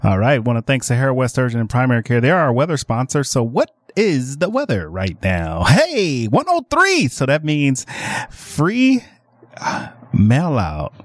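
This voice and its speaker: A man hosting a live AM radio shopping show, delivering repetitive pitchman patter with drawn-out words. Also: a little mellow, no room sound. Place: small dry AM radio studio. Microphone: close studio microphone. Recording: music playing behind a dry studio voice.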